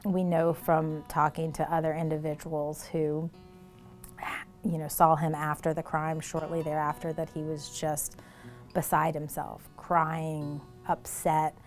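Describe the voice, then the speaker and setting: Flat-toned soft-spoken woman. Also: low-pitched, unhurried, soft background music. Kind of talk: documentary interview.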